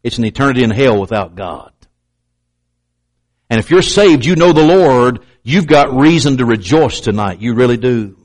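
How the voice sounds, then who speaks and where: With lively intonation and a moderate pace, a male preacher drives his sermon home through emphatic repetition and pointed comments to the congregation. He stutters slightly, occasionally clamping up on a word, and when he mimics doubters his pitch rises.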